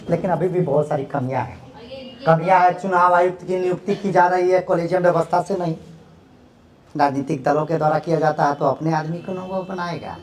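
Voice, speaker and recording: A young man lecturing a class, animated and firing rhetorical questions at his students. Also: high voice, a little hiss or hum. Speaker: teacher.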